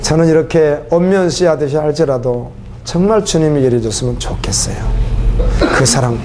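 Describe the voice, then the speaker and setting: A man's voice: fairly high pitch, normal speed, noisy background. A man preaching a sermon as a pastor, emotional and pleading, his voice rising into fervent cries.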